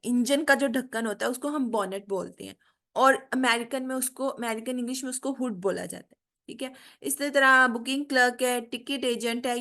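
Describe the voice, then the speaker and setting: A woman teaching a spoken English lesson in Hindi, enunciating English example words slowly and often asking "theek hai?". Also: a little high, a bit bright. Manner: frequent "theek hai?" check-ins and "uh" fillers. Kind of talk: online spoken English lecture.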